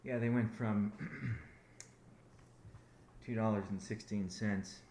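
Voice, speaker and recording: Speaking slowly with fairly even intonation, a man gives a rambling business update as a company founder on a conference call, often correcting himself and starting sentences over. His pitch is fairly low and his tone darkish, with a roomy sound and a little hiss or hum.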